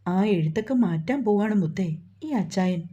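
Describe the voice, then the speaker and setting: A woman's voice: on the low side, normal speed, warm tone, breathy edge, dull audio. A woman voicing a tender, protective young lover. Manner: tender, coaxing.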